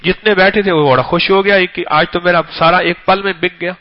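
A man preaching an emotional storytelling sermon, repeating phrases for emphasis and swinging between loud and hushed delivery. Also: high voice, fairly even intonation. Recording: dull lo-fi recording.

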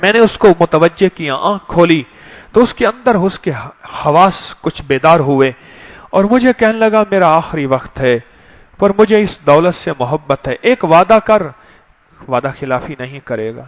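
A man's voice: sits high, expressive. A man preaching an emotional sermon, repeating phrases and reciting verses. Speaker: religious speaker. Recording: dull lo-fi recording.

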